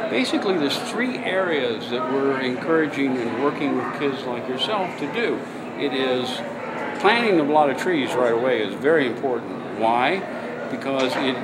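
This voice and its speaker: A middle-aged man talking in a conversational educational interview, encouraging and often checking in with the listener. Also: medium pitch. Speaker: youth programme leader and interviewer. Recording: loud ambient vehicle-like background noise.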